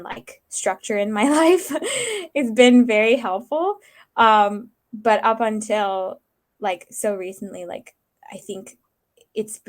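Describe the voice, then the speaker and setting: Earnest woman in her 20s from the uae, guest on an interview, halting, thinks out loud. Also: medium pitch. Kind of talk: casual interview.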